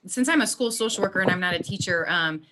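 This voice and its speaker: A woman's voice: fairly low pitch, lively intonation, fast, pushed and bright, a little hiss or hum. A woman working as a school social worker, talking in a rambling way with many restarts during a video meeting. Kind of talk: casual video meeting chat. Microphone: video call.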